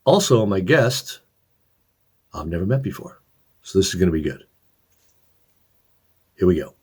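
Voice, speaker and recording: A man's voice: deep voice, very animated, a little slow, slightly rough. A man hosting a casual interview show over a video call from his home studio. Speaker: podcast host.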